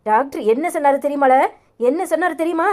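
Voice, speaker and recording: A woman's voice: high-pitched, fast talker, lightly acted. Woman doing a furious domineering mother-in-law. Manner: shouting threats, domineering. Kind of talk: cartoon voice acting.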